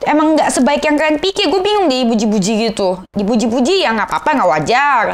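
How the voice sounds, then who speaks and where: A woman with a notably high voice speaks in a Jakarta Indonesian accent. Her r sounds are unclear from a lisp. She chats to viewers in a gossipy vlog rant, rambling, repeating herself and tripping over words. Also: expressive, fast. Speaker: vlogger.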